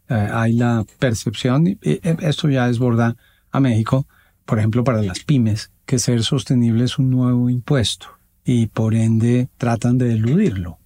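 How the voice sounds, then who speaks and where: Measured Colombian man, mellow voice. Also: mid-range voice. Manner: measured, formal, explanatory, with pauses. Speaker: guest, association president. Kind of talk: interview answers.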